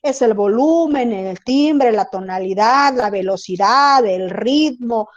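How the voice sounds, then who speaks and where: Teacher, woman, higher voice, casual lecturing, dull video-call sound. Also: slow. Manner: conversational, asks students if they follow. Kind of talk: online class lecture.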